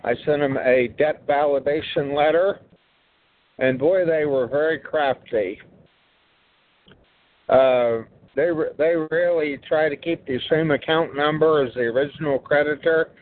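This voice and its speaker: A man's voice: fairly high pitch, a little slow. Man calling in on a tinny speakerphone. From West Virginia. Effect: heard over a phone speaker. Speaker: caller. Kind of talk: casual call-in chat.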